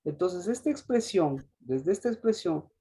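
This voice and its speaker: A man's voice: high-pitched, lively intonation, normal speed, dark tone, breathy edge. A man preaching a sermon, often repeating and restarting phrases and asking the congregation rhetorical questions.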